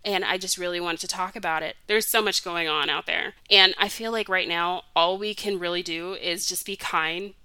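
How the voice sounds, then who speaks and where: Young woman, podcast host, heartfelt, emotional, bright forceful tone, dry close sound. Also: lowish voice, fairly even intonation, normal speed, hardly any pauses, smooth, dry recording. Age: young adult. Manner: earnest and heartfelt, with frequent "like" fillers. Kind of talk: solo podcast monologue.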